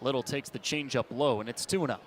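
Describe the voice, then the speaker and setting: A medium-pitched American man calls live baseball play-by-play fast, using clipped present-tense lines that swell on the big plays. Behind him is the ambience of a ballpark and the background noise of an outdoor stadium.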